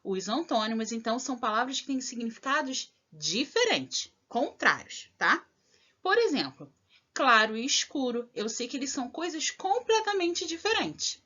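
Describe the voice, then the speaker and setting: Lively woman teacher, lo-fi audio. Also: high-pitched. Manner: slow, clearly stressed examples, checks in with the listener. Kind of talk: recorded lesson for children. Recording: dull lo-fi audio.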